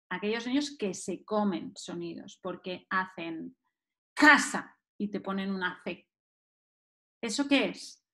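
A woman presenting an educational webinar, explaining step by step and sounding out words slowly as a model for teachers. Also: medium pitch, a bit bright. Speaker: webinar presenter on early literacy.

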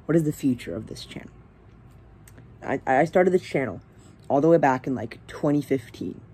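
Warm and a little breathy, this teenage young man's medium-pitched voice is expressive at a normal speed as he hosts his own channel. His casual, rambling vlog talk is hesitant, with many fillers and false starts.

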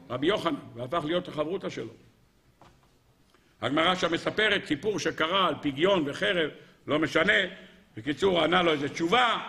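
High bright-voiced rabbi telling stories dramatically. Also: male voice, gravelly. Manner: dramatic storyteller, repeats phrases, leaps to high emphatic cries; addresses listeners directly. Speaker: rabbi teaching a weekly lesson. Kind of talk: Torah lesson, storytelling from the Talmud.

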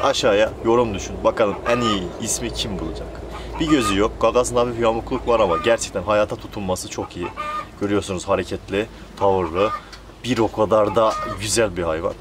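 Lowish-voiced male poultry vlogger, chatty and playful, clucking birds all around. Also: background noise. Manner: playful, chatty, coaxing the bird and addressing viewers. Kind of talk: casual chat to camera. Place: outdoor poultry coop. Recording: clucking birds loud behind. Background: chickens and quails clucking.

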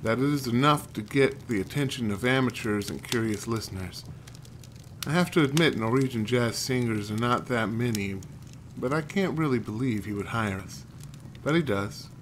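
A man's voice: medium pitch, moderate pace, a little hiss or hum. A man streaming a horror game, chatting and reading in-game notes aloud, sometimes stumbling over names. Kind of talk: let's play commentary and reading notes aloud.

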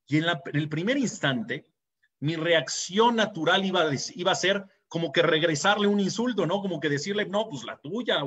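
A young adult man with a Mexican Spanish accent, speaking at a fairly high pitch with a fairly bright tone, delivers an earnest sermon as a rabbi. He tells stories and raises his voice dramatically for quotes, captured on a dull lo-fi recording.

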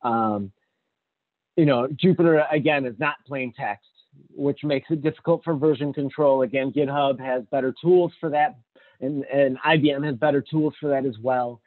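A man's voice: mid-range voice, steady tone, moderate pace. A man giving a casual technical talk with slides, rambling with many fillers and restarts. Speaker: conference speaker. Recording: tinny phone-like audio.

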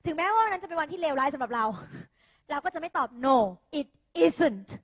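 A Thai woman teaching an English lesson to a class, lively and coaxing, leading the students through pronunciation drills. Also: very high voice, fast. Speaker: English tutor. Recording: echoey hall, phone recording.

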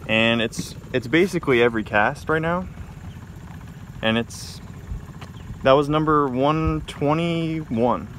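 A man's voice: a little high, slow pace, long pauses, fairly bright tone. A young man in his twenties narrating his fishing trip from a small boat, upbeat and counting catches as he goes. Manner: upbeat, play-by-play tallying catches. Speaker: fishing vlogger. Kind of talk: casual fishing vlog narration. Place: small boat on a river, outdoors. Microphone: handheld phone camera. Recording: noisy outdoor phone recording.

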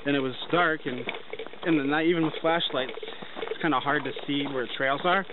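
A brisk young man with a fairly high voice films himself hiking outdoors in a forest. His vlog narration is casual, loose and rambling as he walks. Audio from the arm's-length handheld camera is tinny and lo-fi with faint noise.

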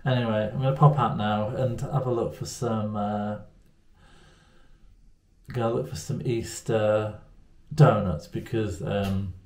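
Talking casually to camera from a small room at home, this male vlogger rambles and pokes fun at himself. His lowish, slightly mellow voice holds a steady tone and moves slowly. Recorded on a camera held at arm's length, it echoes around the room.

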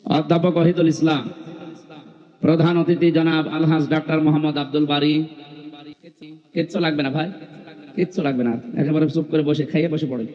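Speaking at a moderate pace with frequent pauses, a man with a fairly high, level-toned voice preaches at a big outdoor evening gathering. His Islamic sermon is forceful and scolding, with bits of humor, carried through a stage mic. A muffled echo from the PA fills the sound.

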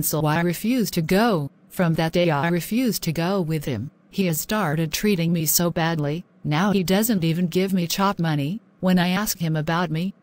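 A woman's voice: fairly low pitch, darkish tone, close to an everyday voice. A woman voicing a long-suffering, devout young wife who pleads and prays. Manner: pleading, prayerful. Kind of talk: animated drama voice acting.

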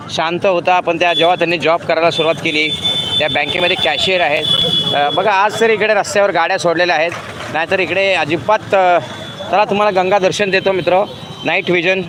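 A man's voice: high voice, a bit bright, a little hiss or hum. A man in his fifties chatting to viewers on a live vlog while walking a road at night, full of fillers and restarts. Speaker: vlogger. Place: outdoors on a city road at night.

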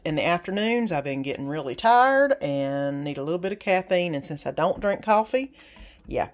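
Chatty woman showing groceries. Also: lowish voice. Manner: chatty, practical, with frequent ums and sale prices. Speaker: grocery haul vlogger. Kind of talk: casual haul walkthrough. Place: home kitchen, indoors. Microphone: phone camera over a kitchen counter.

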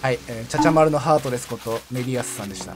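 A young man giving casual commentary while streaming a game, chatty and laughing often, with sudden loud outbursts. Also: mid-range voice, very fast, noisy background. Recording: game music playing behind the voice. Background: background game music.

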